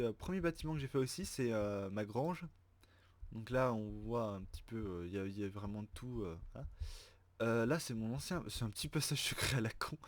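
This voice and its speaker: A man's voice: medium pitch, no room sound. Hesitant, rambling young-sounding man. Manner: rambling, hesitant, many fillers and restarts. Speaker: Minecraft server player showing his base. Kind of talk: casual gameplay commentary.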